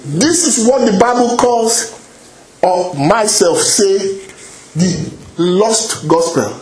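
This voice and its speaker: Man, preacher, high voice, animated sermon, frequent hallelujahs, echoey hall. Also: takes it slowly. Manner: animated, exclaims hallelujah and praise God often; repeats and restarts phrases.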